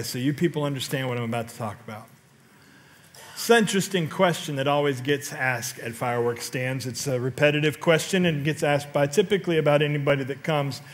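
A middle-aged male pastor delivers a sermon on a large church stage through a headset mic, his voice a little high. He tells stories, bursting into sudden loud outbursts and posing questions to the congregation.

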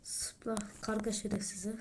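A woman, commentating a horror game as she plays, muttering to herself with sudden loud outbursts. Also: medium pitch, level tone, normal speed, creaky, slight background noise. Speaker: gaming streamer. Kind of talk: let's play commentary.

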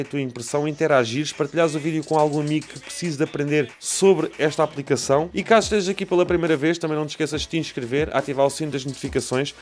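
A man with a European Portuguese accent hosting a music production channel, introducing a software tutorial and speaking directly to his viewers with enthusiasm. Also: on the high side.

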